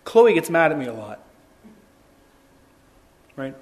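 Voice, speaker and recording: A young man preaching a sermon in a conversational, earnest way, with quick asides and restarts. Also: a little high, big pitch swings. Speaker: pastor.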